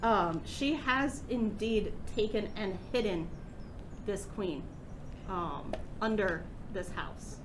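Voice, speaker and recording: A woman's voice: mid-range voice, slow pace, background noise. A woman narrating a tabletop game casually as its game master.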